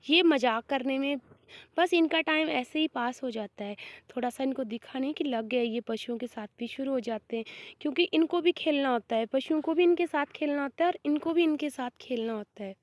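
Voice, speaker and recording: Outdoors on a steep grassy hillside, a woman from Himachal Pradesh, India, vlogs about village life as she walks. Despite a sore throat, her high voice moves at normal speed with no echo, and she talks directly and chattily to viewers.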